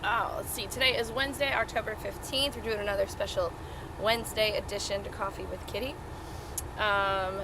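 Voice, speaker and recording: A woman's voice: medium pitch, vocal fry, heavy background noise. A woman hosting a casual livestream from inside a small RV trailer, talking in a folksy, chatty, welcoming way. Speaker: livestream host and singer-musician. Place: inside an RV with air conditioning running. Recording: small trailer interior, music behind.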